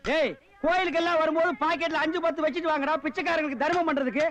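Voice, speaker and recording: A loudmouth heckler in an old Tamil comedy film. His voice sits very high. He scolds, taunts and insults in a fast, cutting manner. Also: fairly even intonation, highs cut off. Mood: mocking. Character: sharp-tongued loudmouth man taunting beggars.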